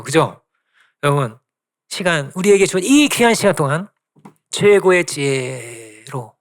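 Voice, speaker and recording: Animated Korean-speaking pastor preaching. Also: male voice, on the high side. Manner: animated storytelling with asides to the congregation; soft, drawn-out prayer. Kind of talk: sermon.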